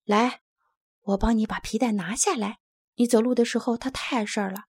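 A woman voicing a kind, steady young male polar bear cub in a storybook reading, gentle and reassuring. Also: fairly high pitch, brisk, husky, dry recording, studio quality.

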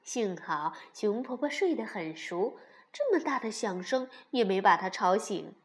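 Slow, expressive woman reading a children's story. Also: medium pitch.

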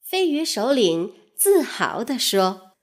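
A woman reading a bedtime-style children's story, unhurried and clear. Her high voice swings widely up and down to keep the tale lively. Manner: slow, expressive, storybook cadence.

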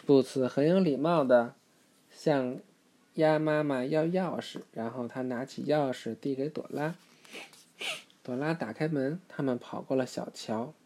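Low, dark-toned woman reading a storybook to a child; gentle and patient. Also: unhurried. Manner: gentle, patient, soft-spoken asides. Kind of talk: reading a picture book aloud.

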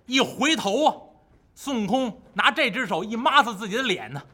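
A male storyteller narrates in a vivid, traditional style and punctuates the action with spoken sound effects. His voice is high and very animated, with a bright, slightly husky tone. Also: moderate pace.

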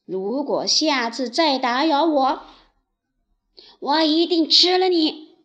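A woman voicing a big proud male lion in a children's story, speaking in loud shouts. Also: sits high, slow pace. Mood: scornful.

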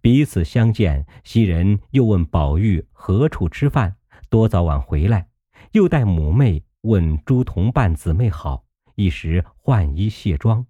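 Male audiobook narrator; measured storyteller, low voice, dry close sound. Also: animated, dark tone, dry recording, lo-fi sound. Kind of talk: audiobook reading of a classic novel.

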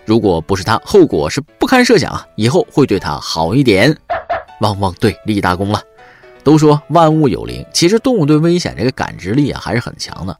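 Wildly animated wry male host. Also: mid-range voice. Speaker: podcast host. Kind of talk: comedic news commentary.

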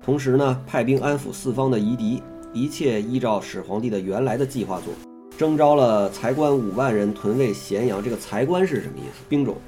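A man's voice: mid-range voice, fairly quick, dark tone, soft background music. A man reading a classical history text aloud, stopping now and then to ask questions and add his own comments.

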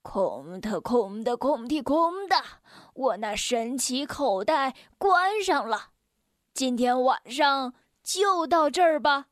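A woman doing a slow, weary old storyteller grandpa. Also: sits high, lively intonation, no echo, studio quality, pitched below the performer's own voice. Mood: cheerful. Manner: slow, sighing, sorrowful delivery. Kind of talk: storybook reading.

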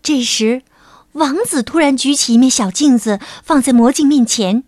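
A woman reading a children's story aloud in a gentle, slow and expressive way. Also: high-pitched, dry recording, clean studio sound. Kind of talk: scripted children's story narration. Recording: narration over loud music.

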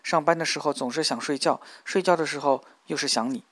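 A man voicing a tender, protective young man in an audiobook, speaking low and earnestly. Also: fast, fairly bright tone, dry recording.

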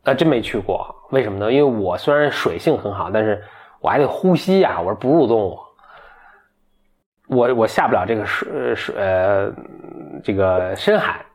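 A man's voice: on the low side, expressive, moderate pace. A man voicing a poor, humble young fisherman who talks hesitantly and stammers, in a told folktale. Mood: earnest.

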